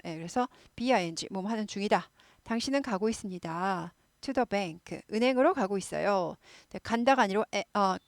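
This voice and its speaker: A woman's voice: medium pitch, no echo. Chatty woman teaching English phrases. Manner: chatty, many filler "네" and "예" affirmations, repeats words for pronunciation drills. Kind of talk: casual explanatory lesson.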